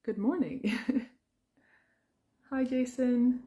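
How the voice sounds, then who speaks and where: A young woman, a singer, chatting brightly with fans during a live Q&A, with many ums and restarts. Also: on the high side, drawn-out words. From Ireland. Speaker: singer hosting a fan Q&A. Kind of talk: casual live-stream chat. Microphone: phone or webcam on a live stream.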